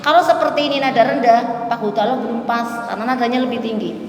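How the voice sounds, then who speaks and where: A woman teaching melodic Quran recitation, chanting verses slowly, then talking quickly to encourage her students. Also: a little high, steady tone, slight background noise. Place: mosque hall. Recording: echoey mosque hall with long reverb.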